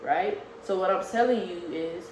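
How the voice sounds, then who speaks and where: A woman's voice: on the low side, normal speed. A woman in her early twenties co-hosting a casual vlog, arguing her point earnestly with many stumbling restarts. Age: early 20s. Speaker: vlog co-host. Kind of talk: casual argument on camera. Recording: echoey room with faint hiss.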